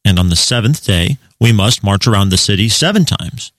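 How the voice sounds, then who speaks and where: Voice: deep voice, animated, moderate pace, a bit bright, no room sound, clean studio sound. A performer playing the patient biblical leader Joshua in a comedy radio sketch, explaining things earnestly.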